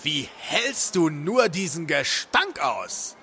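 Man doing a slow, sneering demon. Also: a little high, sing-song, sharp tone, husky, full character voice. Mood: mocking. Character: giant demonic male being, mocking and calm.

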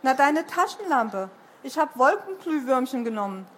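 A woman's voice: high-pitched, sing-song, normal speed. Woman reading as an offhand magical girl.

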